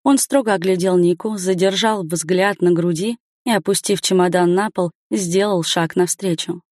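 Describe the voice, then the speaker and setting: A woman narrating a story aloud in an even, matter-of-fact reading. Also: fairly low pitch, normal speed, dry recording, clean studio sound. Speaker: audiobook narrator. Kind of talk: scripted narration.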